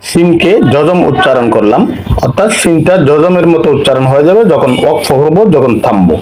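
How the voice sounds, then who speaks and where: Higher-voiced man teaching Quran reading. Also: a little mellow, a little hiss or hum, poor audio. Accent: Bangladeshi Bengali. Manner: spells out letters and vowel marks, repeats example words slowly. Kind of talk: slow step-by-step lesson.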